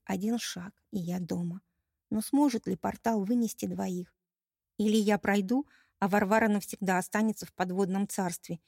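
A woman narrates a fantasy audiobook in the first person, wry and lively. Her voice is gravelly with a low, dark tone, recorded close and dry. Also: dry recording. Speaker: audiobook reader.

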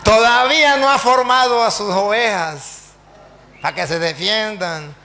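A man's voice: high voice, expressive, moderate pace, bright, forceful tone, big-room sound, exaggerated voice. A man voicing a smug evangelical pastor who taunts with pushy questions. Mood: mocking.

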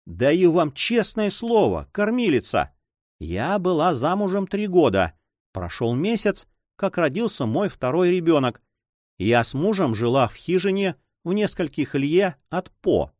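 A man voicing an old female duenna who sighs, grumbles and fusses in a high voice. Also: sing-song, measured pace, darkish tone, no echo, clean studio sound. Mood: grumbling. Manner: sighing, fussy, grumbling.

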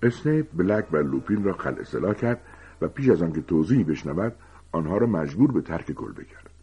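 A man reads a storybook aloud in a deep, gravelly voice with lively swings in pitch. His tone is husky, and the recording sounds dull and lo-fi. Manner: expressive storytelling. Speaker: narrator. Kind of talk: audiobook reading.

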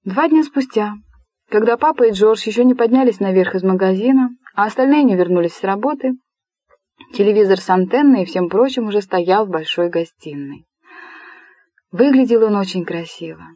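A woman reading a story aloud in a measured, expressive narration voice. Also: medium pitch, no echo. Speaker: audiobook narrator.

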